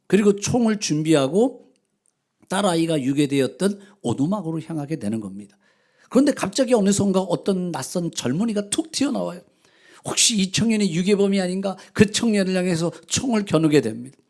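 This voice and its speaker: Gravelly, animated middle-aged pastor. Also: male voice, sits high, brisk. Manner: dramatic, expressive retelling of a story. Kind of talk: sermon storytelling.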